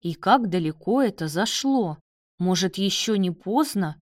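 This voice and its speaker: A man's voice: high voice, expressive, measured pace, no echo, studio quality. A woman reading a stern, bewildered father. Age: older. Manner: reproachful.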